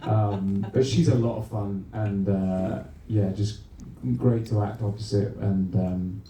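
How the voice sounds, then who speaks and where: A young man with a mellow voice tells loose, joking stories on a panel. He pads his sentences with easy fillers. The sound is roomy and picked up from a distance. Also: fairly low pitch, slow pace, faint music behind. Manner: relaxed, rambling with fillers, joking. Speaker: actor guest. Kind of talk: casual panel conversation. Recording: echoey venue, mic at a distance.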